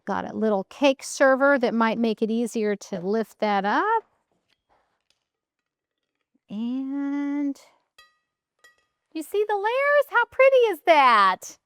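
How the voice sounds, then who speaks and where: A woman's voice: high voice, big pitch swings, slow pace, long pauses, a bit bright, smooth, no echo, studio quality. A woman hosting a home cooking demonstration, chatting and thinking aloud as she decorates a cake in her kitchen. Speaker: cooking show host.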